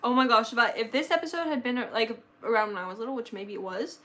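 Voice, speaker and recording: A late-teen girl chats casually on her livestream, talking fast in a high, sharp voice. She's bubbly and gushing, rambling with many fillers, and she's slightly losing her voice.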